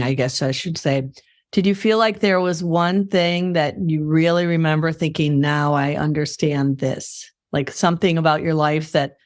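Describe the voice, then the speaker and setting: Female host with a cold; rambling, restarts mid-sentence, fairly low voice, dry. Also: dry recording. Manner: rambling, self-correcting. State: has a cold. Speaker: podcast host. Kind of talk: casual interview chat.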